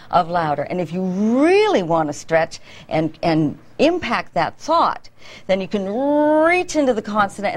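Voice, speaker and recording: A middle-aged woman vocal coach on a morning show, speaking articulately and stretching her consonants for emphasis. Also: mid-range voice.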